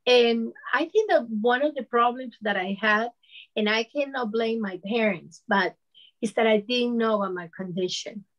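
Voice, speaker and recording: This fifty-something Venezuelan panelist recounts personal experience in a relaxed way, her Venezuelan Spanish accent clear and "you know" coming up often. Her voice sits on the high side at a normal speed, while the audio loses its upper frequencies.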